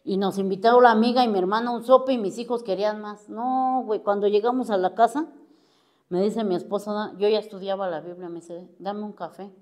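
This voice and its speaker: A woman's voice: medium pitch, steady tone, brisk, a little mellow. A middle-aged woman with a Mexico City accent who gives a personal recovery testimony to an AA group, talking bluntly in crude street slang and swearing constantly. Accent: Mexico City Spanish. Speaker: AA member giving testimony.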